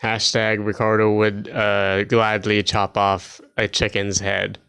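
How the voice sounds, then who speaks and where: A man's voice: fairly low pitch, flat delivery, slow, gravelly, a bit bright, clean tone. A man co-hosting a podcast, chatting casually in a dry, blunt, teasing way. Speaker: podcast co-host. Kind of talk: casual chat.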